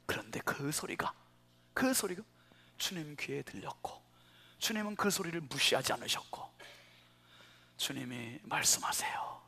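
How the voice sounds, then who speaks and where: A male pastor preaching a sermon, swinging dramatically between hushed whispers and impassioned shouts. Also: on the high side, gravelly. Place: church.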